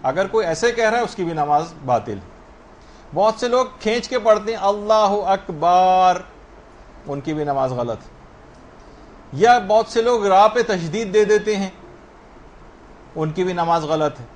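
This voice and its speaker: A man's voice sits high with lively intonation, over a little hiss or hum. He's a religious teacher explaining prayer rulings one step at a time, raising questions and answering them himself, and carefully spelling out pronunciations slowly.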